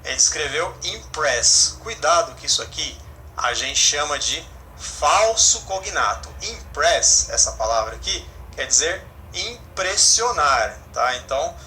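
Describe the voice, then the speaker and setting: Bright-voiced male English teacher. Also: fairly high pitch, sing-song, measured pace, slight background noise. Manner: explanatory, frequent "né?" and self-corrections. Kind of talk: online class explanation.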